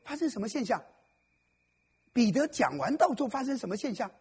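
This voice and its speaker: Husky, lively joking preacher, male. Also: extremely high pitch, brisk. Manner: playful, jokes and quizzes the audience. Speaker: pastor. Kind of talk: lively preaching sermon to a live congregation. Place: church service before a congregation.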